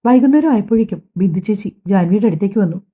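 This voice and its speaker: A woman's voice: mid-range voice, animated, fast, dark tone. A woman narrating an audiobook family drama, reading the dialogue in as she goes. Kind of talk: scripted story narration voicing all characters.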